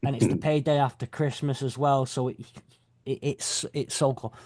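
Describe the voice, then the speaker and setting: Rambling, jokey British podcast host. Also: male voice, medium pitch, fairly even intonation, moderate pace, darkish tone, no echo, clean studio sound. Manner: rambling, jokey, self-correcting. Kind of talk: casual chat.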